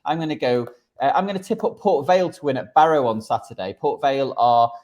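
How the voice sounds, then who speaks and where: A man's voice: mid-range voice, animated, fast talker, darkish tone. A man presenting football betting tips and analysis on a podcast in a conversational style, sometimes hesitant and repeating his words. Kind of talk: conversational sports tipping and analysis.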